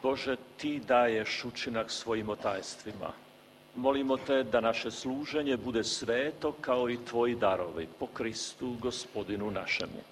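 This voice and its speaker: A man serving as priest, reciting liturgical prayers in a solemn, measured way, his voice echoing through a large church. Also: mid-range voice. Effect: cathedral echo. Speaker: priest celebrating Mass. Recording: echoey church, distant mic, faint hum.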